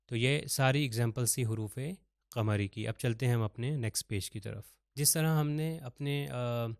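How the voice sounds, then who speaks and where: Male recitation teacher, patient explainer, resonant clear tone, dry close-miked sound. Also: medium pitch, a little mellow, no room sound. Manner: explains patiently, slows to chant Arabic examples. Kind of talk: step-by-step recitation lesson.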